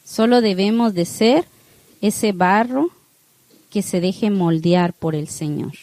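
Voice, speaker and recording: A woman's voice: mid-range voice, slow pace, dry recording, rough recording. A woman teaching an online class, speaking straight to her listeners and checking in with "¿sí?" again and again. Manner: checks in with the listeners by asking "¿sí?" over and over; speaks straight to the audience with warm, coaching encouragement. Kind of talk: instructive talk to a class with a spiritual close.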